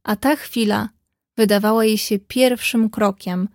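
A woman narrating a classic novel in an even, clear storytelling manner into a close mic. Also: mid-range voice, a little slow, dry recording. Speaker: audiobook reader.

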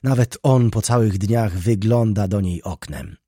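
A man's voice: fairly low pitch, unhurried, mellow, breathy edge, no echo, clean studio sound. A man reading an audiobook, voicing a hysterical, self-righteous aristocratic baroness with melodramatic, indignant outbursts. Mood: ranting.

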